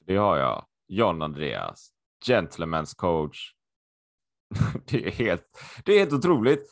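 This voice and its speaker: Man, low voice, excitable podcast chat, repeats himself, dry video-call sound. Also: vocal fry, no room sound. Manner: excitable, repeats phrases, many fillers. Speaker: podcast co-host.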